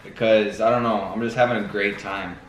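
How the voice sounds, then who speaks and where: A man's voice: fairly low pitch, fairly even intonation, a little fast. A teenage boy chatting casually and teasing his sister during a family question session. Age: teens. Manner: teasing, joking. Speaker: son answering questions. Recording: echoey room with faint noise.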